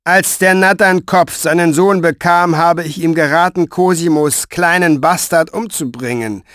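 A man doing a sneering, high-pitched villain. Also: unhurried, fairly bright tone, no echo, studio quality. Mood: scornful. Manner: mocking, menacing. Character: sneering cruel male villain commander.

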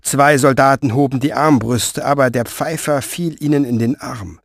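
A man narrating a fantasy audiobook in a measured, expressive storytelling manner, close to the mic. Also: medium pitch, gravelly, dry recording.

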